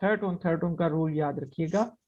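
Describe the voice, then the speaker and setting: A man's voice: a little high, fairly quick, darkish tone, dull audio. A man teaching a language lesson, explaining rules patiently and sounding out vowels one at a time.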